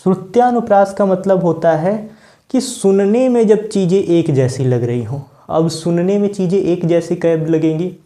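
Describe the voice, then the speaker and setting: A man teaching a Hindi grammar lesson, explaining patiently, repeating key words and reciting verse lines slowly. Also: high voice, mellow.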